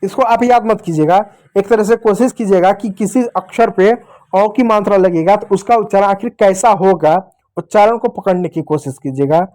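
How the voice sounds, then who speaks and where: High-voiced man teaching kids. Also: a little mellow. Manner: patient, repeats sounds slowly, addresses kids directly. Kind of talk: Hindi lesson for young children.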